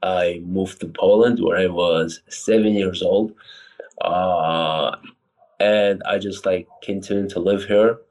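Male coach guest from Iraq, very low warm voice, earnest and meandering. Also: steady tone, slow pace. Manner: earnest, rambling, non-native phrasing. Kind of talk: casual chat.

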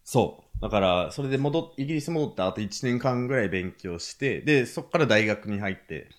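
A young British man, a native English speaker, joins a podcast as the guest. He talks in a playful, lively way, his pitch leaping up and down. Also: fairly quick. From Britain. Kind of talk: casual chat.

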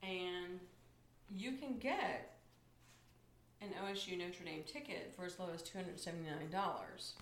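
A woman's voice: fairly low pitch, unhurried, a little hiss or hum. A woman co-hosting a casual sports chat, talking playfully and exclaiming over ticket prices. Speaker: podcast co-host. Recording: echoey room, faint ambience.

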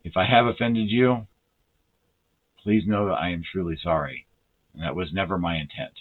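Earnest low-voiced man giving a sermon. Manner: earnest, measured, with slow deliberate emphasis; self-described dry sense of humor. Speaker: lay preacher. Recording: tinny phone-like audio.

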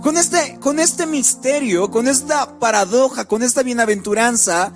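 A man preaching in a very high voice, his delivery rising and falling in a sing-song cadence. He restarts phrases and repeats small words as he builds his points. Soft music plays faintly behind him. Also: measured pace. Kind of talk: sermon.

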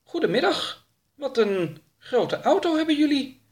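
A man voicing a naive, gentle traveller in a storybook reading, earnest and innocent. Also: very high voice, sing-song, unhurried, pitched above the performer's own voice, exaggerated voice.

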